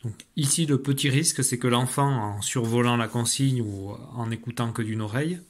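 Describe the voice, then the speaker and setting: A man's voice: mid-range voice, normal speed. Man, teacher, explaining to parents, patient, fillers and restarts.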